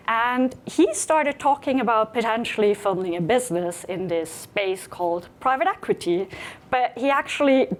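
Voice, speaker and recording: A woman in her forties from Switzerland, speaking to a live audience about founding her company, chatty, with many fillers and restarts. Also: medium pitch. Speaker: startup founder giving a talk. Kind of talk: conference talk. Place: conference venue.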